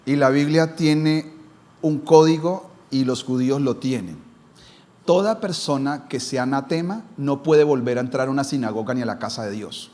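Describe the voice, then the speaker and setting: A man who is a pastor, preaching a sermon. He asks rhetorical questions and moves between strong emphasis and a low, hushed tone. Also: normal speed.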